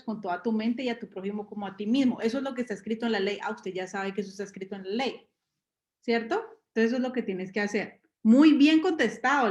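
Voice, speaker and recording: Female preacher, higher voice, chatty sermon full of questions to the congregation, roomy echo. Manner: asks the listeners rhetorical questions, everyday examples. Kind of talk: conversational sermon.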